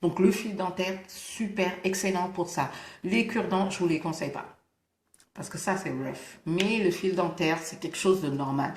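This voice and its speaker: A woman gives casual beauty advice to her viewers. She lisps, so her s sounds slide toward a slushy sh. Her delivery is informal and emphatic, dotted with English interjections, and the room adds a clear echo. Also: fairly low pitch, moderate pace, slight background noise. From Senegal. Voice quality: lisp, slushy sh-like s. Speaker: beauty vlogger. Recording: roomy, echoing indoor sound.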